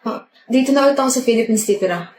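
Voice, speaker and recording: Casting: babaeng malumanay at malungkot ang tono, medyo mataas ang boses, maalingawngaw na kwarto. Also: female voice, fairly high pitch, racing, a little mellow, reverberant, low-quality recording. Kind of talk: skit role-play.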